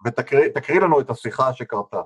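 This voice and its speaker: A man's voice: mid-range voice, lively intonation, slightly rough, highs cut off. A man in casual chat who keeps teasing and prodding his co-host.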